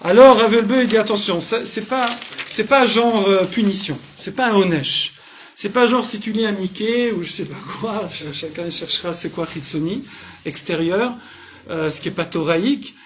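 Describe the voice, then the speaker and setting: High-voiced man teaching a casual Torah class. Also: normal speed, slight background noise. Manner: casual, jokey, asks the audience questions; translates Hebrew terms as he goes. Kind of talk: lively informal Torah class. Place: small community centre hall.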